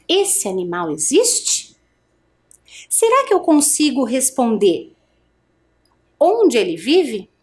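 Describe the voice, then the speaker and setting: Professora com entonação bem expressiva. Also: female voice, sits high. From Brazil. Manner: slow, expressive, exaggerated question intonation, addresses students directly. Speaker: teacher. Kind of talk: adult education video lesson.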